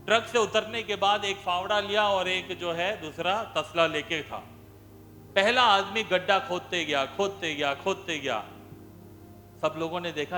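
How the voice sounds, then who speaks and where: High bright-voiced male pastor preaching. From India. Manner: storytelling preacher, asks the congregation questions. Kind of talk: sermon. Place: church.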